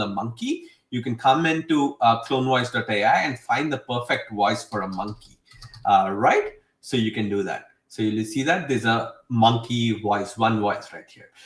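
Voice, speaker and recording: Guy walking through software, rambly and excited, lots of "like", sits back from the mic, echoey room. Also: mid-range voice, distant mic. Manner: rambling, filler-heavy, enthusiastic. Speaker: host demonstrating software. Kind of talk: casual screen-share tutorial. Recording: roomy sound, away from mic.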